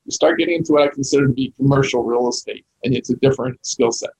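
A middle-aged or older man chatting casually as an interview guest, with a gravelly, raspy voice. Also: medium pitch, fast talker, a little mellow, low-quality recording. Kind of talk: casual chat.

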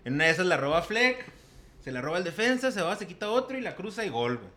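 Mexican male co-host, piercing bright tone, animated and slangy. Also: sits high, fast talker. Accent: Mexican Spanish. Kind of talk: casual storytelling chat.

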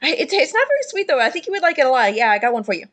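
A woman's voice: sits high, very animated, a bit bright, voice pushed up. A woman doing a giddy, eager young man. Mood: excited. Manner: rapid, gushing, repeats himself. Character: hyper eager young man, clingy and sweet.

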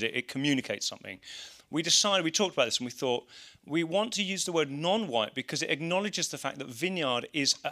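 With a fairly high pitch and a sharp tone, an Englishman from the Midlands, a church leader, gives an informal seminar in an explanatory, somewhat hesitant manner.

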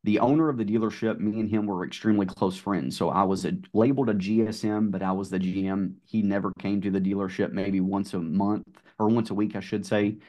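Low-voiced man with a Southern drawl. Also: brisk, hardly any pauses. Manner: relaxed, storytelling with fillers. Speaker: guest, car sales manager. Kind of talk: casual podcast conversation.

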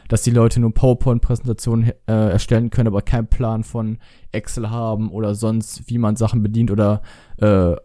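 A young man in casual chat, hesitant with frequent pauses and restarts. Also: lowish voice, level tone, mellow, dry recording, studio quality.

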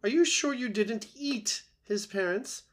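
A man's voice: extremely high pitch, expressive, measured pace, voice pushed up. A man voicing a bossy old female goose in a storybook, squawking, blunt and scolding with heavy emphasis. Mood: suspicious, scolding.

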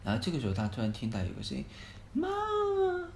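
A dad narrating a bedtime story on a phone recording, unhurried and asking the child questions along the way. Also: male voice, on the low side, gravelly, a little mellow. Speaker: storytelling dad, podcast host. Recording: echoey phone recording, faint hiss.

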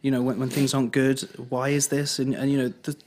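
A man in an easygoing conversation about scripture, his voice pitched in the ordinary middle range. He thinks aloud, drifting off and starting sentences over. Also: flat delivery, fast talker, a little mellow. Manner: thoughtful, trailing off and restarting. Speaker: church leader discussing scripture. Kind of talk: casual Bible discussion.

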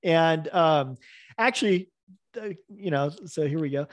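A man as a podcast guest, telling stories in a casual, animated way and acting out the dialogue. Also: fairly high pitch, unhurried, no echo, studio quality. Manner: animated, acts out quoted dialogue with laughs. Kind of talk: casual storytelling interview.

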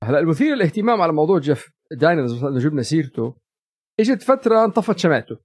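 A man co-hosting a casual film chat, an animated storyteller who acts out the quotes. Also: fairly high pitch, rapid-fire, dry recording, studio quality. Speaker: podcast co-host.

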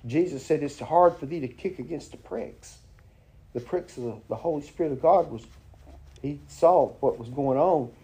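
A man preaching an informal sermon, telling folksy stories with halting restarts. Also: a little high, warm tone. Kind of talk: informal sermon with prayer and anecdote.

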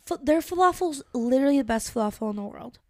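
A woman's voice: high-pitched, expressive, fast talker, no room sound, clean studio sound. A young American woman chatting casually as a podcast co-host, playful and swearing freely. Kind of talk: casual chat.

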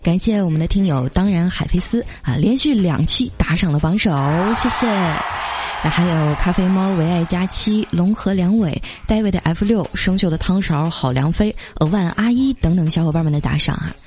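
A woman's voice: fairly low pitch, normal speed, noisy background. Chatty woman host telling funny stories. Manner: chatty storytelling with lively quoted voices. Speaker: podcast host. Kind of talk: reading funny anecdotes.

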